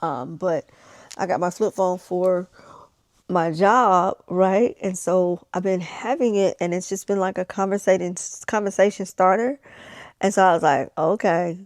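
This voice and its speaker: Speaking into a small handheld vlogging camera, a woman vlogger chats candidly in a confessional vlog, repeating phrases for emphasis. Her lowish voice moves a little slowly, and missing teeth make her articulation slightly slushy. The recording is dry, with clean studio sound.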